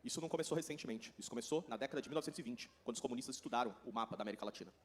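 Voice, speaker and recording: Fast-talking Brazilian man interpreting. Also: medium pitch. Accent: Brazilian Portuguese. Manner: rapid, running translation. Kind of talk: consecutive interpretation.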